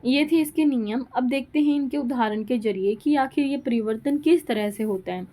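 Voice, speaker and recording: A woman's voice: sits high, normal speed, dark tone. A woman giving a Hindi grammar lesson, explaining rules step by step and repeating each example aloud. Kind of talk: classroom lecture.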